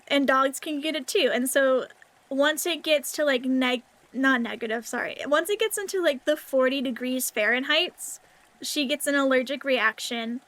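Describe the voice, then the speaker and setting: A woman with a high voice chats as a livestreamer. Her delivery is cute in an anime-streamer way, and she rambles casually and informally to the people watching. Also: a bit bright, no echo. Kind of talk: casual rambling chat with viewers.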